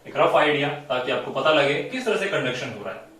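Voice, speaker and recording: A man's voice: mid-range voice, animated, fairly quick, fairly bright tone. A man teaching a biology class at a whiteboard. He explains step by step, keeps checking in with the class and mixes English terms into his talk. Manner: explanatory, repeats "theek hai" often, mixes English terms. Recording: very echoey room, distant mic.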